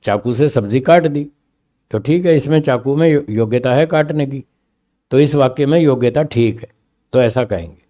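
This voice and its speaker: A man teaching a philosophy class, explaining meaning through slow spoken examples and often checking that his listeners follow. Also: mid-range voice, dark tone. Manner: stresses single words to show meaning.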